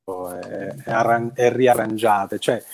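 A middle-aged man with a Sicilian accent, explaining things in a halting, conversational way on a video call. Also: lowish voice, steady tone. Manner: halting, searching for words. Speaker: guest on a live show. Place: room at home.

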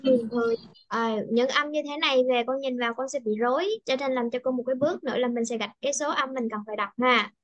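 Woman, teacher, high voice, dry close sound, video call, patient word-by-word modeling. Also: steady tone, a bit bright, dry recording, highs cut off. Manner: patient, models words slowly and clearly. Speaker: English pronunciation teacher. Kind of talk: online class teaching.

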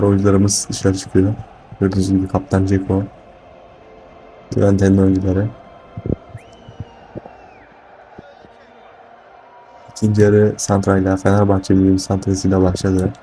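A man commentating live football, shouting an excited, drawn-out goal call and repeating players' names. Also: sits low, a little hiss or hum, poor audio. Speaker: football commentator and channel host. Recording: crowd and music behind the voice.

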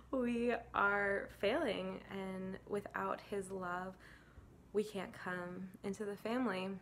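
Woman, 30s, earnest spoken testimony to a phone camera; slight vocal fry, faint background hiss. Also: mid-range voice, a bit bright. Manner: earnest and emotional, with frequent fillers and laughs. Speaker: church volunteer sharing a testimony. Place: indoors against a plain grey wall.

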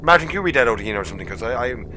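Kerry man chatting over loud engine hum. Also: medium pitch, animated, racing. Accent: Kerry, west of Ireland. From County Kerry, Ireland. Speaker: game streamer. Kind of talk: casual livestream chat. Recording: noisy mic with loud vehicle hum.

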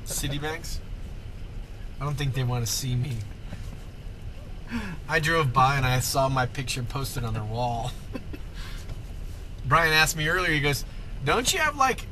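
A man's voice: on the high side, lively intonation, unhurried, long pauses, pushed and bright. A man in his thirties joking around and bantering casually while riding along on a road trip. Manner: joking, laid-back, playful boasting. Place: inside a truck cab in the city. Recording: noisy vehicle and traffic background.

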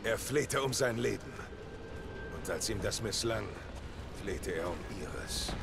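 A man's voice: lowish voice, lively intonation, slow pace, creaky, loud music behind the voice, full character voice. A male actor voicing a fanatical villain leader in a dubbed video game, grandiose and menacing. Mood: fervent.

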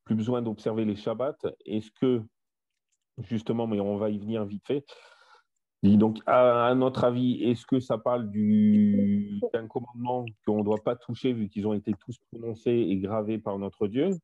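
A man's voice: fairly low pitch, steady tone, normal speed, mellow, no echo, dull audio. A man leading a casual Bible study discussion over an online voice chat, talkative and repeating himself with many fillers.

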